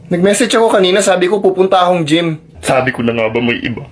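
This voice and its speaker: A man's voice: high voice, lively intonation, fast talker. A man acting in a comedy skit, bickering and exasperated.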